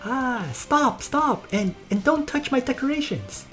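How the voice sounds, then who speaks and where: A pouty, excitable young mage girl who scolds and whines in a raised, lively voice, as a woman reads her game lines aloud. She frets and gets flustered easily. Soft game music plays underneath. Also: high-pitched, unhurried, pitched above the performer's own voice. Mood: fussy. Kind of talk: reading game dialogue aloud.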